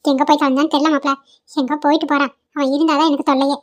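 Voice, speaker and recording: A woman's voice: high-pitched, level tone, rapid-fire, lightly acted. A woman voicing a sentimental, scolding elderly grandmother in a cartoon, lamenting and grumbling aloud. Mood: fussing. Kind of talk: cartoon voice acting.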